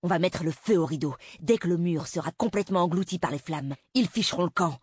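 Lady doing a creepy paranoid mom, low slow mutter, husky voice. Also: dry recording, clean studio sound. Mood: defiant. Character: unhinged paranoid mother, hushed and menacing.

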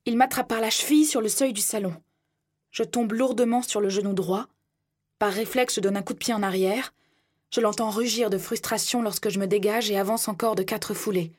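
A woman reading a first-person audiobook in a tense, hushed storytelling manner. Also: mid-range voice, fairly even intonation, brisk. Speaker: narrator.

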